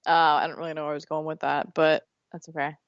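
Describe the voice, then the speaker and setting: A woman's voice: sits low, little pitch movement, quick pace, smooth, dry recording. Chatty woman, dry dull recording. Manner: chatty, laughs often, trails off mid-sentence. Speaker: podcast co-host. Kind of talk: casual chat.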